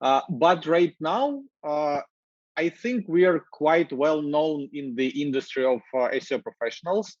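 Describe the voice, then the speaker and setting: A man in his thirties from Ukraine with a Ukrainian accent, speaking English in a casual, energetic interview with many fillers, over wireless earbuds on a video call. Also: fairly high pitch, a little slow, no echo, lo-fi sound. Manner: energetic, gestures while talking, many fillers. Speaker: marketing executive guest. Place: office with glass walls, indoors.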